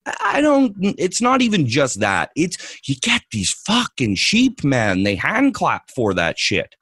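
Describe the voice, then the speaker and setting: A man's voice: mid-range voice, wildly swooping pitch, takes it slowly, fairly bright tone, husky, no echo. A man co-hosting a trading podcast, ranting profanely and mocking others in put-on voices. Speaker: podcast co-host, trader. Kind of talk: ranting casual podcast talk.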